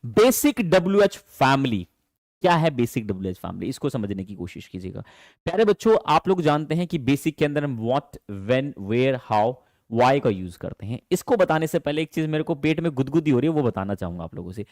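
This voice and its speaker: A man teaching an online English class in Hindi, animated and affectionate, calling his students dear children. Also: medium pitch, a little fast, dry recording, studio quality. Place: teaching from home.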